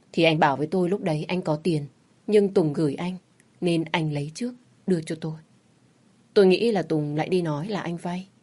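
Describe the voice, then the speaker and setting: A woman reading a first-person romance story aloud in a soft, reflective way. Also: low-pitched, breathy edge. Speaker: story narrator.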